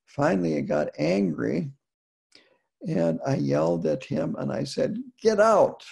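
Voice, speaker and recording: A man from the United States giving a dharma talk as a Buddhist teacher, unhurried and deliberate, with frequent pauses. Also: on the high side, sing-song, gravelly, mellow, slightly rough.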